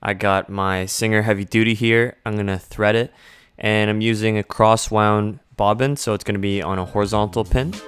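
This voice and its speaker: A man in his thirties hosting a sewing tutorial, explaining each step in a casual, steady way, recorded on a desk studio mic in a home sewing studio. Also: on the low side, moderate pace. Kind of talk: instructional voice-over. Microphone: studio mic on desk stand.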